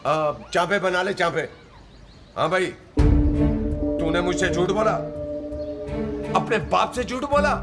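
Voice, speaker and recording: An actor playing a gruff, bullying middle-aged butcher father who bellows threats at his son, over a loud film score. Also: high voice, slow, long pauses, loud music behind the voice. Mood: threatening. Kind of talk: film comedy acting.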